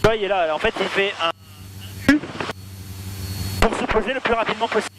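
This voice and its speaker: High-pitched male pilot on a headset. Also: brisk. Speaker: private pilot flying with a passenger. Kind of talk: casual cockpit chat mixed with radio calls. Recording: very noisy small aircraft cockpit.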